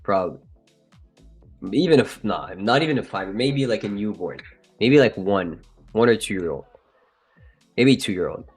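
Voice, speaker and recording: The livestream trading host here is a man with a French accent and a fairly low, breathy voice with lively intonation. Unhurried and pausing often over faint music, he chats and jokes with viewers, laughing frequently and breaking off mid-thought to begin again.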